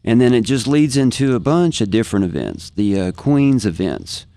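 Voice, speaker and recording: This Kansas man, a professional guitarist with an American accent, is a guest on a casual podcast, reminiscing with enthusiasm and often repeating phrases for emphasis. His medium-pitched voice has lively intonation, normal speed and a dark tone. The recording is dry.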